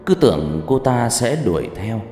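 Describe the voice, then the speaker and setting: A man's voice: mid-range voice, big pitch swings, normal speed, mellow. A man narrating a horror story in a dramatic, storytelling manner. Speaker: audiobook narrator. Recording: echoey hall with faint background music.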